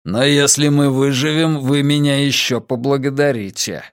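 A man voicing a cold, cunning young gang leader with a raspy voice in an audiobook. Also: medium pitch, fairly even intonation, moderate pace, no echo, studio quality, close to an everyday voice. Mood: cool. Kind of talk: audiobook character voice.

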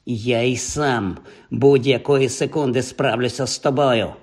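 A man's voice: mid-range voice, measured pace. A man voicing an arrogant, mocking schoolboy bully. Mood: sneering. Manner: mocking, taunting. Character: sneering arrogant boy bully.

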